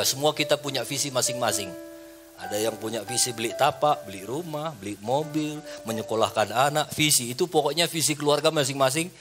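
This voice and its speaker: Bright, forceful male pastor in conversational sermon mode, faint music underneath. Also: fairly high pitch. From Indonesia. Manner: animated preaching, rising loud for emphasis; conversational, acts out quoted people.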